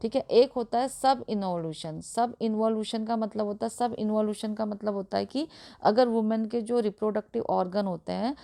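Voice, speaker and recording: Gravelly-voiced woman lecturing nursing students. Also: medium pitch, mellow. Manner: hesitant, fills pauses with "uh", repeats and restates terms. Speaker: nursing tutor. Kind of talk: explanatory lecture in Hindi mixed with English terms.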